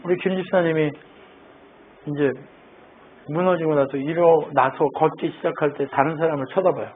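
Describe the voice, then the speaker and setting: A man's voice: a little high, steady tone, moderate pace. A man preaching a sermon as pastor, asking the congregation questions and answering them himself. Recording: tinny phone-like line with faint noise.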